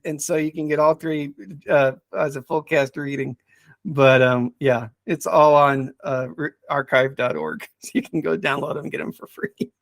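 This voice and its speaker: A podcast guest with a slightly high male voice presents his ranked list of picks, chatting casually and enthusiastically and often chuckling as he talks. The recording is dry.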